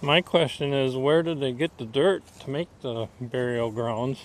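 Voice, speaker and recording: A man's voice: mid-range voice, a little slow. A man from Wisconsin vlogging casually while exploring a wooded preserve outdoors, thinking aloud in a folksy way. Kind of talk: casual walking vlog commentary.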